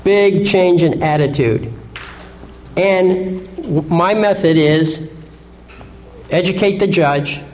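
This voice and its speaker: A man's voice: high-pitched, takes it slowly, pauses often, darkish tone, slight background noise, rough recording. A man lecturing an audience in an assertive way, often asking rhetorical questions and checking in with "Okay?". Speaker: seminar speaker.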